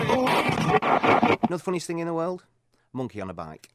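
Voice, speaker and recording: Jokey northern English man, animated voice. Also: on the high side, measured pace, over loud music. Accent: northern English, Lancashire. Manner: jokey, irreverent, often chuckling through words. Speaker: comedian guest. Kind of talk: casual comic chat.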